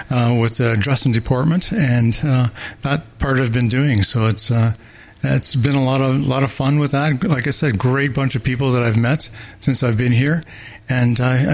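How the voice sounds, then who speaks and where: Older guy running for mayor, lots of uh and um, stops and restarts, from barbados. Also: medium pitch. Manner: hesitant, many fillers and restarts. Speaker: mayoral candidate. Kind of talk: interview answers.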